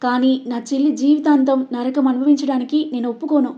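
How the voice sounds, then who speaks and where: A woman's voice: high-pitched, fairly even intonation, brisk, warm tone, dull audio, lightly acted. A woman voicing a frightened young man who pleads in pain for his sister's sake. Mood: anguished. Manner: pained, pleading.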